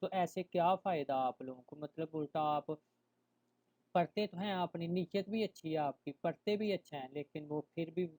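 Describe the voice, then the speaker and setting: A man giving an online Quran reading lesson. He recites verses slowly and loudly, then explains softly and conversationally, mixing in English words. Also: fairly high pitch, low-quality recording. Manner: mixes English words into his speech. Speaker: Quran teacher.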